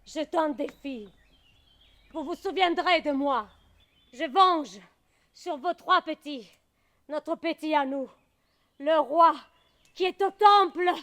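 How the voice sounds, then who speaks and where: A woman on an outdoor stage voicing a wounded male rebel who answers low, slow and scornful. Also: fairly bright tone, full character voice. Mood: scornful defiance.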